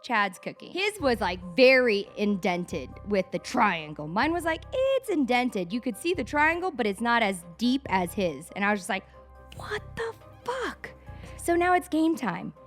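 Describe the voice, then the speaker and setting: A woman's voice: fairly high pitch, normal speed, hardly any pauses, faint music behind. A woman in her thirties casually telling a story with lots of swearing, acting out her own and others' panicked shrieks. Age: 30s. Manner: animated, profane, acts out shrieking reactions. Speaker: vlogger.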